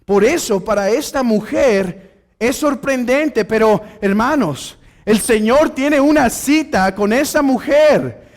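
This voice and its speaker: Pastor preaching, really high voice, acts out the story lines. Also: male voice, slow pace. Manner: addresses congregation as brothers, acts out dialogue. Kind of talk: expository sermon.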